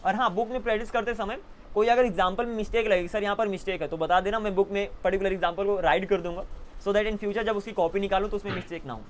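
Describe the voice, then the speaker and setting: A male English teacher giving a classroom lesson to live students, teasing them playfully and repeating words slowly as drills. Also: high voice, fairly even intonation, a little hiss or hum.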